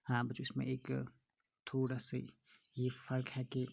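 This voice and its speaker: Middle-aged male teacher, husky voice, recorded lesson, patient and unhurried. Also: mid-range voice, completely flat delivery, a little mellow. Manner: slow, patient explaining with frequent fillers, addressing children. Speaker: school English teacher. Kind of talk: recorded classroom lesson in Hindi and English.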